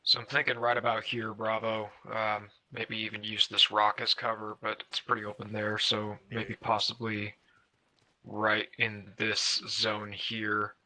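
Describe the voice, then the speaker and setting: Very bright, crisp-edged man, evenly pitched. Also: monotone, unhurried, poor audio. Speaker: squad member planning positions. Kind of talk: gaming voice chat, tactical planning.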